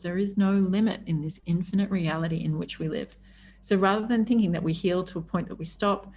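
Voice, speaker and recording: A woman's voice: medium pitch, darkish tone, slight background noise. A woman hosting a podcast, speaking in a candid, effusive personal monologue with emphatic phrasing, stretching words for emphasis. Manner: effusive, emphatic, swearing freely. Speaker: podcast host.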